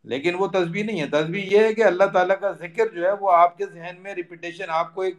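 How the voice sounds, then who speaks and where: Earnest middle-aged man, higher voice. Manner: earnest, repeats phrases for emphasis, mixes in English words. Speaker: Quran teacher. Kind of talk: explanatory religious lesson.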